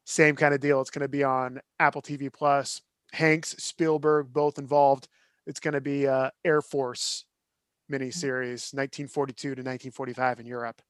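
A man's voice: medium pitch, level tone, moderate pace, fairly bright tone, no echo. Enthusiastic man on a dry close mic. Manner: enthusiastic, restarts sentences often. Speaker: podcast co-host. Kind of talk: casual chat.

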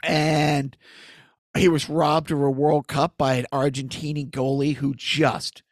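A man's voice: fairly high pitch, level tone, takes it slowly, no room sound, clean studio sound. A man co-hosting a casual podcast, rambling with lots of restarts and asides. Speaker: podcast co-host. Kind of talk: casual chat.

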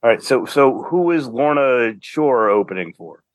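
Lively dry-voiced man thinking aloud. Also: mid-range voice, dry recording. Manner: halting, restarts while forming opinions. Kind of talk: casual chat.

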